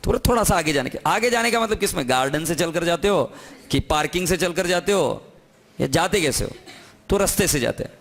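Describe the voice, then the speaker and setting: In a classroom, a man teaching accounting lectures a little fast in a creaky, rather high voice. He keeps things lively by constantly coaxing his students with questions.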